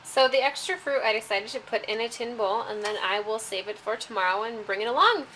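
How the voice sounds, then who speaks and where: A woman's voice: on the high side, fairly quick, pushed and bright, slight background noise. A young woman chatting casually through a vlog, giggly and talking playfully to her dog. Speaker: vlogger.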